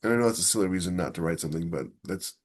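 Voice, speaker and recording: Talking rapid-fire in a low voice, a man co-hosts a casual science fiction podcast. He discusses sci-fi technology with enthusiasm, acting out imagined quotes as he explains.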